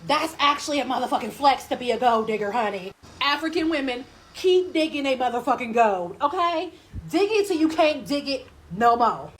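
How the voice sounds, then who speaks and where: Very high-voiced woman ranting sarcastically. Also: expressive, moderate pace, slight background noise. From United States. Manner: profane, sarcastic, heavy swearing. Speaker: commenter in a stitched clip. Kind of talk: mock-praising rant.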